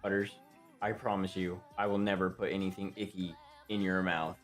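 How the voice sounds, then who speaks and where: A man doing a higher, sly, coaxing voice for a bratty scheming cartoon boy. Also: little pitch movement, moderate pace, faint music behind, close to an everyday voice. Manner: sly, coaxing, mock-sweet.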